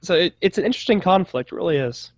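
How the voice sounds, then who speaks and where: A man's voice: high-pitched, animated, quick pace, no echo. A man co-hosting a political podcast, talking casually with frequent restarts and ironic asides. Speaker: podcast co-host.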